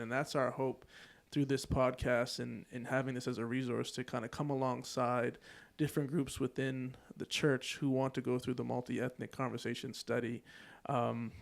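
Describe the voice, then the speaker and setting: A man co-hosting a church podcast, explaining a study in a thoughtful, steady way. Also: mid-range voice. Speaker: podcast co-host. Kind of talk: podcast discussion.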